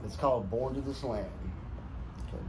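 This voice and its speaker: A man's voice: medium pitch, a little slow. Middle-aged man, cowboy drawl, noisy room. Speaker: cowboy poet. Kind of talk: casual talk and recited cowboy poetry. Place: boot shop, indoors. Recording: noisy shop room ambience.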